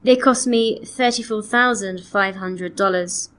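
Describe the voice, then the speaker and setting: In a scripted listening-test dialogue, a woman plays a polite customer phoning to report missing, damaged antiques, enunciating each detail in an orderly, measured way. Her medium-pitched voice is a bit bright and close to everyday speech, polite and matter-of-fact, with faint music behind.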